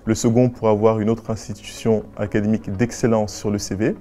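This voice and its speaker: Measured, formal young man, mellow low voice. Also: little pitch movement, soft background music. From West and Central Africa. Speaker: business school student. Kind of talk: prepared interview answers to camera.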